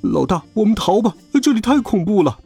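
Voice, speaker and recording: Man voicing a nervous goon, pitched up. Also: expressive, fairly quick, vocal fry, mellow, husky, faint music behind, heavily acted. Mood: anxious. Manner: raised, anxious.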